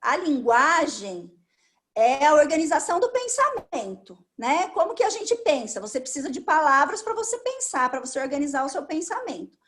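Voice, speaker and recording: A woman's voice: high-pitched, big pitch swings, normal speed, a bit bright. A Brazilian woman with a Brazilian Portuguese accent, a speech therapist guest explaining things patiently, step by step, in an interview.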